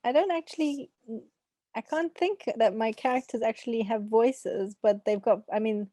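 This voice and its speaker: A woman's voice: a little high, normal speed, dark tone, dry recording. A woman author answering thoughtfully, a little unsure, over a video call. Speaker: author guest. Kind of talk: casual interview answers.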